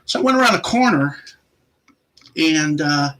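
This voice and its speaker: Middle-aged guy ranting about his day, bright voice, all over the place pitch-wise. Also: measured pace, poor audio. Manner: animated, indignant, acts out both sides of an argument. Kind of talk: casual storytelling rant.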